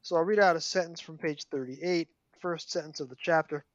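A scratchy-voiced podcast host with a Brooklyn accent talks fairly quickly in a fairly high pitch, on a dry, lo-fi recording. Chatting and reading book passages aloud, he's an animated storyteller with a mock-dramatic flair.

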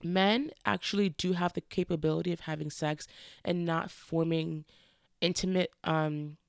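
A woman hosting a casual solo podcast, talking frankly and earnestly while stuffy from a cold, speaking slowly on purpose. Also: fairly low pitch, fairly even intonation, creaky, no room sound, clean studio sound. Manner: frank, earnest, slowed deliberate delivery. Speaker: podcast host.

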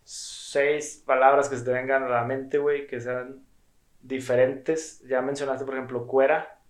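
A man's voice: medium pitch, level tone, unhurried. A man with a Monterrey Mexican accent hosting a podcast in laid-back, slang-heavy casual chat. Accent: Monterrey Mexican Spanish. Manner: slangy and laid-back, lots of filler words. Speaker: podcast host. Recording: roomy echo.

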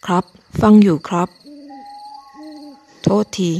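A woman's voice: takes it slowly, mellow, lightly acted. A woman doing a short-tempered young phone salesman. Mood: polite. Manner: hot-tempered, then polite and joking.

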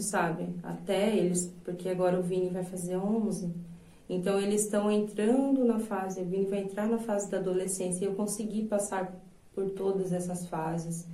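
In a relaxed interview, a Brazilian woman in her thirties who sings and teaches voice reflects earnestly, sprinkling her speech with filler tags. Her warm, mid-range voice carries a Brazilian Portuguese accent, and the distant mic gives it a roomy sound.

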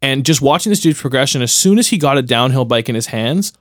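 Excitable young man chatting, dry mic. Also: medium pitch, fast, no echo. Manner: excitable, swearing, trailing restarts. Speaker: podcast co-host. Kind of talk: casual chat.

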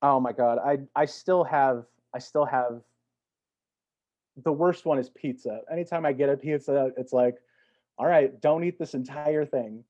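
Dull, lo-fi audio carries a man of medium pitch and darkish tone, a guest on a podcast. His talk is casual and reflective, and he gropes toward his ideas haltingly, saying words twice as he thinks.

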